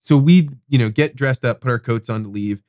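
Man, podcast host, casual storytelling, animated delivery, mid-pitched voice, dry close mic. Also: fairly quick, no echo. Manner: animated, swears casually, acts out quoted people. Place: studio.

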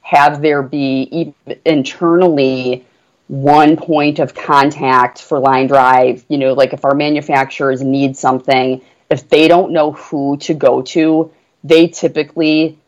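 A deep-voiced woman keeps a steady tone and a slightly slow pace, captured on dull audio. Appearing as a guest on a business podcast, this portfolio manager describes her work earnestly and enthusiastically, leaning on "you know" again and again.

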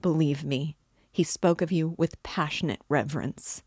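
A woman's voice: low-pitched, moderate pace, darkish tone, husky, no room sound, clean studio sound. A woman reading the lines of an earnest young man who speaks formally.

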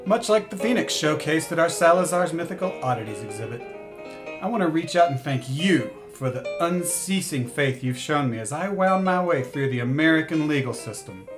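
A man's voice: animated, moderate pace, natural voice. A man playing a smug, boastful billionaire. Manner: grandiose, showy pitchman delivery. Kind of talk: comedic fake radio ad. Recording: guitar music bed under voice.

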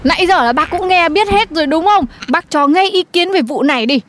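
A woman playing an excitable neighbor. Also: very high-pitched, brisk, slight background noise. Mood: fretting. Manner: fussy, excitable.

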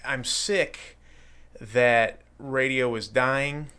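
A man's voice: medium pitch, drawn-out words, pushed and bright, clear, resonant tone. Effusive, rambling male podcast guest. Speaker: podcast guest, showman and wrestler. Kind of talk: casual interview chat.

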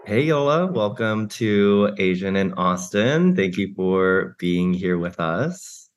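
Man, podcast host, lowish voice, relaxed, casual, reads the intro. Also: music in the background. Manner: relaxed, filler-heavy, reads the intro a little slowly. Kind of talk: casual interview hosting and reading a bio.

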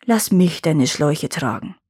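A woman's voice: deep voice, lively intonation, measured pace, darkish tone, husky, dry recording, clean studio sound, voice pushed down, full character voice. A woman voicing a strong but timid young male dragon who is easily frightened, speaking in a worried, pleading way.

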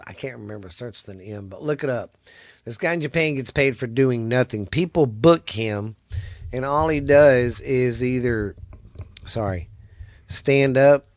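A congested-sounding man with a Texan accent and a medium-pitched voice hosts a laid-back solo podcast, drifting from point to point and cursing freely. The recording is dry and of studio quality.

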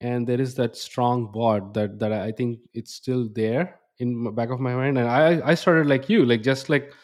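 A man's voice: mid-range voice, steady tone, moderate pace. Reflective man hosting a casual chat. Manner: reflective, rambling with restarts. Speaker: podcast host.

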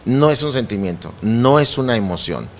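A man's voice: mid-range voice, expressive, normal speed, a little hiss or hum. A middle-aged man, a pastor earnestly telling his personal testimony and quoting scripture. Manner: earnest, preacherly, quotes scripture.

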